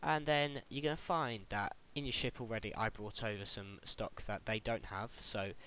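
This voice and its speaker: A young man with a British accent talks through a game tutorial in a casual, chatty way, often tripping over his words and laughing them off. His voice sits on the low side. A faint hiss runs under the home recording. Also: fairly even intonation, normal speed, sharp tone, poor audio. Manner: chatty, stumbles and restarts, laughs at own slips. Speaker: gaming tutorial host.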